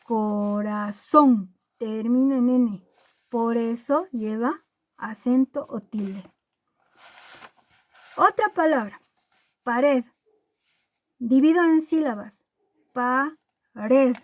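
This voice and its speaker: Woman teacher, unhurried classroom delivery, close and dry, keeps asking the kids if they follow. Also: sits high, no echo. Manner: slow, deliberate, spells words out syllable by syllable; asks the class checking questions. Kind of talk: classroom lesson.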